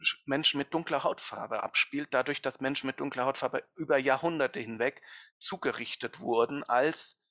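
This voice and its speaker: A man's voice: medium pitch, moderate pace, bright, forceful tone, no echo. A man speaking as an expert guest in a podcast discussion, earnest and lecturing, with emphatic stresses. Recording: dull lo-fi, dry.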